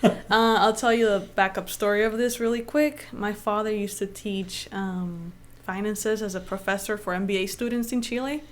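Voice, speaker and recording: A young adult woman from Honduras, a financial advisor guest in a casual interview, talking in an animated way with frequent laughs and ums. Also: mid-range voice, moderate pace, few pauses. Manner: animated, laughs easily, fillers like um.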